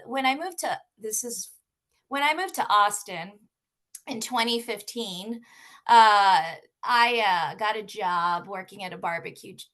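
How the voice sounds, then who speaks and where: A woman from San Antonio, a guest musician talking candidly in an interview, swearing freely and filling pauses with "uh" and "you know". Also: medium pitch, fairly bright tone. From San Antonio, Texas. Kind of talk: casual interview talk.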